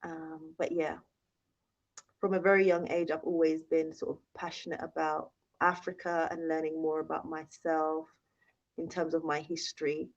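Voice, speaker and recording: A young British woman hosts a casual live-stream Q&A, chatting, reading viewer comments aloud and thanking people often. Her voice is deep with little pitch movement, at a moderate pace. She holds her phone as the mic, and the live-stream audio is dull and lo-fi.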